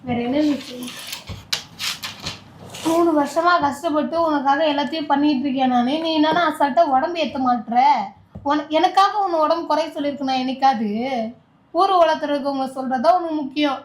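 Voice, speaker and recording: Young Tamil-accented woman, high-pitched, pleading through tears, recorded in an echoey room. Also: normal speed, pauses often. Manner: pleading, emotional and insistent. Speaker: YouTube couple vlogger. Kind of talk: emotional prank argument.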